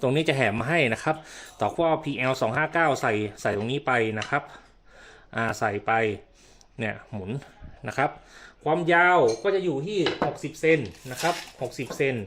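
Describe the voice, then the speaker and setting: A man, a native Thai speaker, runs through a casual hands-on product demonstration, repeating himself often with polite particles as he explains each step. His medium-pitched voice is expressive and fairly bright, at a moderate pace. Slight background noise is audible.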